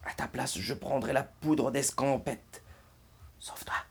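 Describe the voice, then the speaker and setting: A man voicing a frightened bear in a children's storybook, whispering in a hushed, urgent way. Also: lowish voice, very animated, unhurried. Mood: scared. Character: frightened bear warning of a beast.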